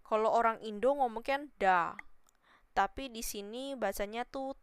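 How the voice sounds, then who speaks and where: A woman's voice: a little high, moderate pace, smooth, no echo. A woman teaching Mandarin on a casual live stream, chatty and patient, modelling tones by repeating syllables.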